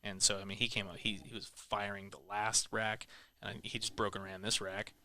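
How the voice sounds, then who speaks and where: A man commentating on pool in an easygoing, chatty way, slipping in laughs and quick asides. His voice sits a little low, and he talks in loose bursts full of fillers. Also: little pitch movement, sharp tone. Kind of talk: casual sports commentary.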